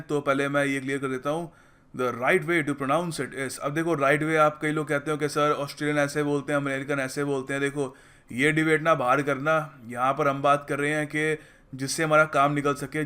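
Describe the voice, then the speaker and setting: A man teaching English vocabulary in Hindi, reading example sentences slowly and explaining them in a casual classroom manner. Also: a little high, a bit bright. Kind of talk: explaining lesson.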